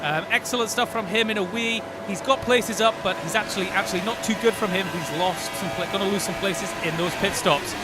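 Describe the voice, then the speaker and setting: A man's voice: high voice, brisk, loud music behind the voice. A man giving informal, chatty play-by-play as a motorsport commentator.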